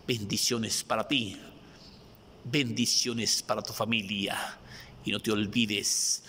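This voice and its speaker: A man's voice: on the low side, little pitch movement, slow, pushed and bright, in a large hall, slight background noise. A man preaching a sermon, pleading with repeated calls to cry out to the Lord for rescue.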